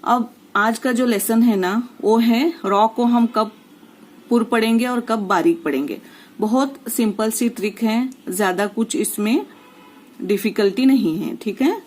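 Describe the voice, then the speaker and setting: Woman as patient reading teacher, slow drills, a bit high-pitched. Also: poor audio. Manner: patient, repeats rules and drills syllables slowly. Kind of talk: slow spoken lesson with drawn-out recitation.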